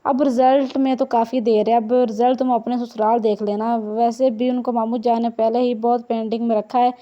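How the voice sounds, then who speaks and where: A woman's voice: on the high side, level tone, normal speed, lo-fi sound, close to an everyday voice. A woman voicing Mariam, a kind older sister and young mother, in an audiobook reading. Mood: gentle. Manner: gentle, reassuring.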